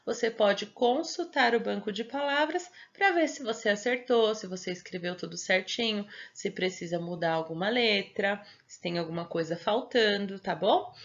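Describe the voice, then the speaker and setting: A woman's voice: medium pitch, fairly bright tone. Patient Brazilian woman teacher, dull lo-fi audio. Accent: Brazilian Portuguese. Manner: patient, step-by-step explaining with frequent checking questions. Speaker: primary school teacher. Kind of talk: recorded homework instructions for young children.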